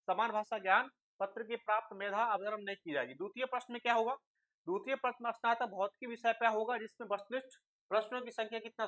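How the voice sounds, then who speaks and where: In a rough recording, a high-pitched man with a sharp tone explains lessons to students in the manner of an Indian coaching teacher. Checking that they understand, he keeps asking questions he answers himself and mixing in English vocabulary.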